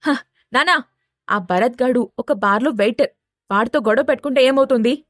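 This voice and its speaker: A woman's voice: medium pitch, fairly even intonation, a little fast, darkish tone, no echo, studio quality, lightly acted. A woman voicing an arrogant young man, a politician's son, who talks in an irritated, dismissive way.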